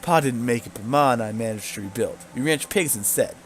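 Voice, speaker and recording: A man's voice: medium pitch, fairly quick, slight background noise, natural voice. A man reading as a bitter grieving woman rancher. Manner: bitter, blunt, rural grammar.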